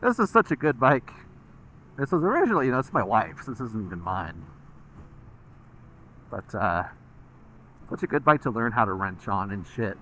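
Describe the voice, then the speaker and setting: A man's voice: fairly low pitch, very animated, normal speed, long pauses, a bit bright, a little hiss or hum, low-quality recording. An American man from the Midwest chats casually while riding a motorcycle, rambling along and swearing freely as a vlogger.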